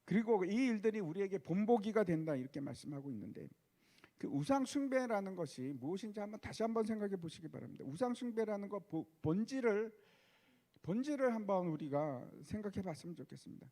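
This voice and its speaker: Male pastor, high voice, sermon delivery, asks the congregation rhetorical questions. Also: lively intonation, fairly quick, warm tone.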